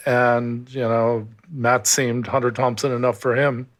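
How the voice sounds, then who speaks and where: A man co-hosting a podcast, speaking in a reflective, halting way. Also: mid-range voice, flat delivery, no room sound. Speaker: podcast co-host. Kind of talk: casual conversation.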